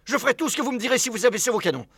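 A man acts out a scared storybook father who pleads and babbles promises. His voice runs high and bright and jumps around constantly. It is recorded dry and close. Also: animated, fairly quick, dry recording, exaggerated voice. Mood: frantic. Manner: frantic, pleading, promising in a rush. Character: frightened pleading male hunter, middle-aged father. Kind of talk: audiobook character reading.

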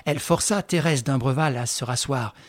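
A man narrating a novel as an audiobook in a measured, expressive manner. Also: mid-range voice, no echo.

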